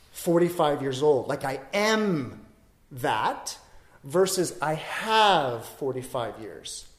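A man's voice: on the high side, echoey room. A man giving a dharma talk, explaining ideas step by step and thinking aloud, often checking in with "right?". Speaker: dharma teacher.

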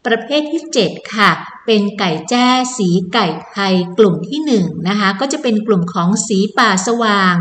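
A woman's voice: fairly high pitch, a bit bright. Female event announcer, polite and inviting, repeats key details, roomy echo with faint noise. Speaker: presenter announcing a public event. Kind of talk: promotional announcement, semi-scripted.

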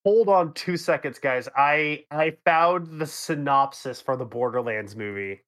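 A man's voice: fairly high pitch, a little slow, a bit bright. A man co-hosting a gaming podcast, reading a movie synopsis aloud in casual chat with wry, dismayed groans. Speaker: podcast co-host.

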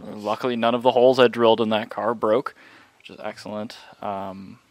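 Low-voiced man telling a casual car story. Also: normal speed, dry recording. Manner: relaxed, rambling storytelling with fillers. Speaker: podcast co-host. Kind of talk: casual chat.

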